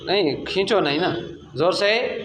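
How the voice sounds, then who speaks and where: A man teaching young children to recite, drilling them with steady praise and firm corrections. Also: sits high, noisy background. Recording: echoey room.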